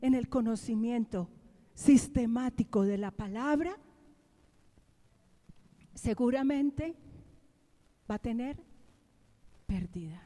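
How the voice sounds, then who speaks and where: A Colombian woman pastor preaches a sermon in a church sanctuary, questioning the congregation in call-and-response style and repeating key refrains. Her slightly high, warm voice is slow and pauses often. The church hall adds a long reverb.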